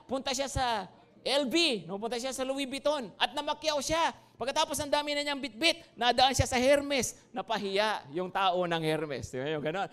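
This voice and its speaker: A man's voice: very high-pitched, fairly bright tone, clean tone. A Filipino man preaching a sermon as pastor, joking and calling out to the congregation. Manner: humorous, calls out to the congregation.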